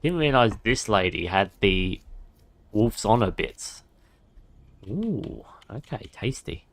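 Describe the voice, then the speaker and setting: A man's voice: fairly low pitch, very animated, takes it slowly. Man swearing through casual gameplay chat. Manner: chatty, swears freely, laughs often. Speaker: gaming streamer.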